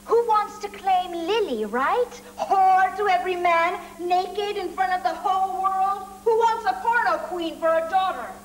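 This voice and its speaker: A woman's voice: very high voice, measured pace, hardly any pauses, a little hiss or hum, poor audio. An actress playing a bitter young model who cuttingly accuses the older women around her in a 1980s TV drama. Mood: contemptuous. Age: young adult. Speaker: actress in a TV miniseries.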